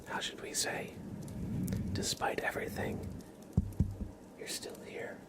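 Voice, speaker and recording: A man gives positive affirmations on an ASMR stream, speaking in halting phrases with a breathy, gentle, reassuring whisper.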